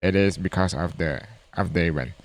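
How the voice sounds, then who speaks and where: Deep-voiced guy rambling through a reaction vid, blunt, keeps restarting. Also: fairly quick. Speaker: streamer reacting to a video. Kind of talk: casual reaction commentary.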